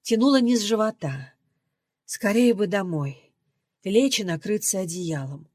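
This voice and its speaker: A woman reading a novel aloud as audiobook narrator, in a measured storytelling delivery. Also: mid-range voice, lively intonation, a little mellow, no room sound. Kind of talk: scripted narration. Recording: dry close recording.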